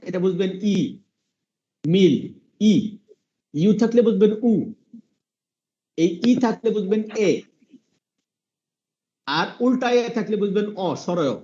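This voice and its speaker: A man's voice: high-pitched, a little mellow, dull audio. A man teaching English pronunciation in an online class, patient and repetitive, often quizzing the listeners. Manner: patient, repeats sounds slowly, asks the class questions.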